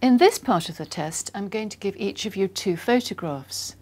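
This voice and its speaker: A woman acting as examiner, reading scripted test instructions in a formal, measured, polite way. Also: medium pitch, expressive, darkish tone.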